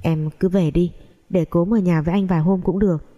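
A woman's voice: on the low side, fairly even intonation, brisk, muffled recording, lightly acted. A woman voicing a young male company boss with a curt, stern way of talking. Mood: gentle.

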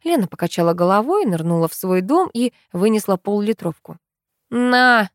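A woman tells a comic story aloud in a wry, expressive manner, her pitch rising and falling freely. Her mid-pitched voice is recorded close and dry. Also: fairly quick, no room sound. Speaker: audiobook narrator. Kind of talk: audiobook narration with character voices.

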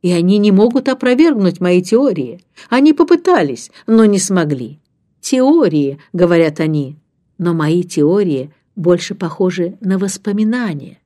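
A gentle scholar speaks in a low, warm voice, soft and earnest. A woman reads him in a storybook reading, barely changing her own voice. The delivery stays hushed and sincere. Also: lively intonation, measured pace. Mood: wistful. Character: gentle male scholar, dreamy and grateful.

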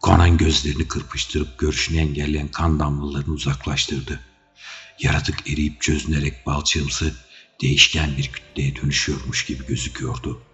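A man narrating an adventure audiobook in a measured, dramatic reading. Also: very deep voice, level tone, a bit bright. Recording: dull audio with faint music.

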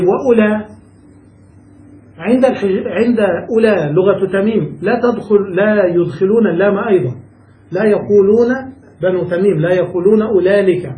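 A man teaching Arabic grammar in a lecture, explaining slowly and stopping to check that his students follow. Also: high-pitched, warm tone, recorded from a distance. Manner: explains slowly, quotes verses and checks understanding. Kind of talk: classroom lecture. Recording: echoey room, voice from afar.

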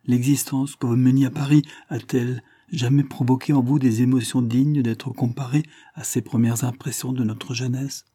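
A man voicing a gentle, earnest young woman pleading with her cousin in a storybook reading. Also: mid-range voice, flat delivery, normal speed, hardly any pauses, no echo, clean studio sound, voice pushed up, natural voice. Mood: pleading tender. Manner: pleading, impassioned.

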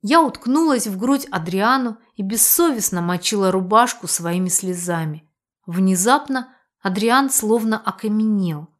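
A woman narrating a first-person audiobook romance in an expressive, emotional reading style. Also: medium pitch, a little slow.

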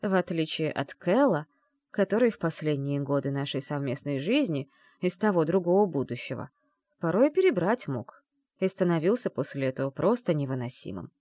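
A woman narrating a first-person novel aloud in an expressive storytelling manner. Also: low voice, normal speed, no echo, clean studio sound. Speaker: audiobook narrator.

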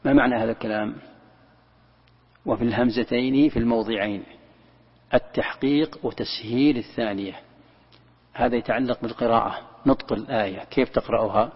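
A man's voice: mid-range voice, brisk, long pauses, husky. A man, a sheikh giving a Quran commentary lesson, who explains step by step, repeating key words and demonstrating how a verse is recited. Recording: dull lo-fi recording in a long-echoing hall.

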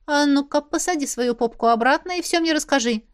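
A woman's voice: high-pitched, a little fast, no room sound, clean studio sound, voice pushed up, natural voice. A woman voicing a teasing werewolf girl friend. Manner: playful, prodding, amused.

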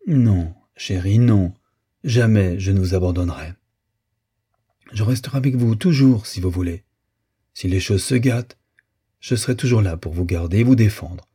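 A man reading an audiobook, voicing a gentle, earnest older man who promises protection. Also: fairly low pitch, moderate pace, pauses often, breathy edge. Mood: tender.

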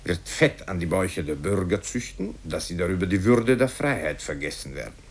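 Here a low-voiced man performs a pompous politician hurling accusations at a rival in a satirical radio piece, emphatic and self-righteous. His delivery is expressive and moderately paced, with a little hiss or hum in the background. He sounds accusing and righteous.

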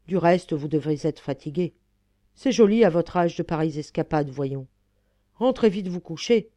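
A woman reading an audiobook voices a young man, the story's author, who scolds loudly and with contempt. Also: lowish voice, dry recording.

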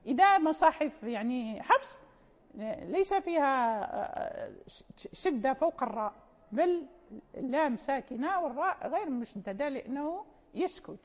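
A woman's voice: sits high, animated, moderate pace, big-room sound. A woman teaching Quran recitation in an informal classroom lecture, patiently explaining and quoting verses and poem lines in a chanting lilt.

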